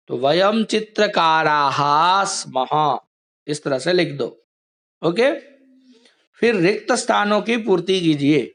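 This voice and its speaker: A male teacher with a fairly high voice talks slowly through a lesson. His manner is patient, and he explains each step carefully for students on a video call. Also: fairly bright tone. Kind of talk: online class lesson.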